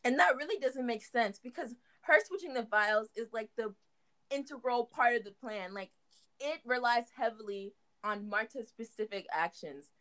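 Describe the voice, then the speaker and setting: A woman's voice: a little high, normal speed, a bit bright. A young adult woman in a casual, playful chat about a movie. She laughs often.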